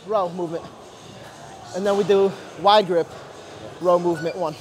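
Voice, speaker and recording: High-voiced trainer coaching in a gym. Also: male voice, fairly even intonation, noisy background. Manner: instructive, brisk cues and encouragement. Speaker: personal trainer. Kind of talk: coaching through a workout. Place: large indoor gym. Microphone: lapel mic.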